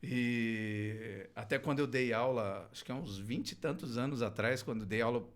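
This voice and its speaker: As a podcast guest, a middle-aged man from Londrina in Brazil, a clown who teaches theater, recounts his life in a relaxed storytelling interview. He speaks at normal speed in a mid-range voice, often hesitating, restarting, using fillers and laughing readily.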